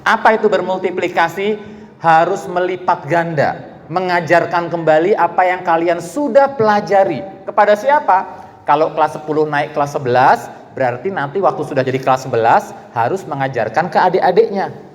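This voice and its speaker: A pastor delivering an animated sermon to young students, now and then calling quoted lines out loud. His voice sits high for a man. The sound carries a long reverb from a church hall. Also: moderate pace. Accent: Indonesian. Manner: animated preaching, shouts out quoted lines, playful asides.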